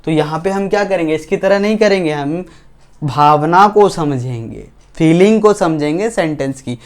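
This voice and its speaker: A man teaching English grammar in an online lesson, speaking slowly and deliberately, asking questions and answering them himself. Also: on the high side. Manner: slow, deliberate, asks and answers his own questions; spells out English example sentences word by word.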